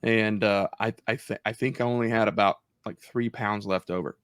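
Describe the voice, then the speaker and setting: A man's voice: fairly low pitch, steady tone, normal speed, fairly bright tone, clean tone, no echo, clean studio sound. A man hosting a church podcast, chatting casually and with enthusiasm. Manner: laid-back, chatty, enthusiastic about food. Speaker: podcast host.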